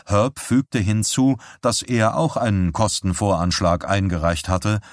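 A man reading an audiobook as narrator, calm and measured. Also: fairly low pitch, no room sound, studio quality. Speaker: audiobook reader. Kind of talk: scripted narration.

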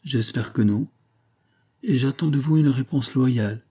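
A man's voice: mid-range voice, unhurried, warm tone, slightly rough, voice pushed up. A man reading the lines of a proud young woman who firmly turns away a suitor, in a restrained, firm voice.

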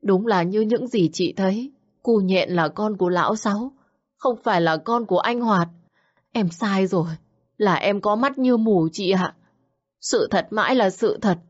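A woman's voice: medium pitch, unhurried, dull audio, voice pushed up, lightly acted. A woman voicing a frightened young mother who stammers and begs tearfully.

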